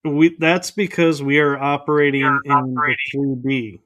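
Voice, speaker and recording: A man's voice: mid-range voice, little pitch movement, measured pace, a bit bright. A man, a guest on a podcast, speaking over a video call and explaining ideas earnestly, step by step. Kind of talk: casual explanation in an interview.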